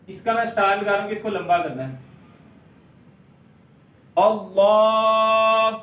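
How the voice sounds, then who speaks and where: A man teaches Quran recitation step by step, asking his own questions and answering them, and slowly drawing out words to demonstrate. His voice is extremely high-pitched, and the sound is roomy.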